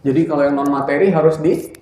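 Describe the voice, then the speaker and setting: A man giving a casual religious talk in an indoor study hall, joking and blunt, slowing down to stress his points. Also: a little high, warm tone, a little hiss or hum. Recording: roomy hall, faint ambience.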